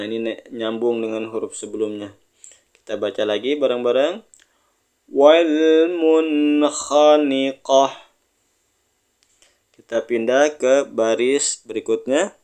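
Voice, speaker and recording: A man's voice: medium pitch, darkish tone, smooth. A man teaching Quran reading, stretching out each recited word before explaining it plainly, and inviting the listener to read along. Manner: drawn-out sung recitation of words, then plain explanation. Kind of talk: step-by-step recitation lesson.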